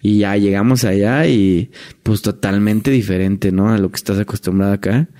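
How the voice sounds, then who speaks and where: A man's voice: fairly low pitch, fairly even intonation, normal speed, mellow. A man with a Mexican accent, a guest telling stories in casual chat, full of tag questions and restarts. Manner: chatty, peppers speech with tag questions and restarts. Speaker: guest, former hotel entertainer.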